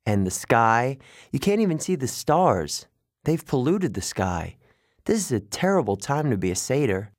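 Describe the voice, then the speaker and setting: A man voicing an earnest, idealistic young male satyr who sounds wistful and quick to take offense. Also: mid-range voice, sing-song, no room sound, clean studio sound, natural voice. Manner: wistful, indignant about pollution.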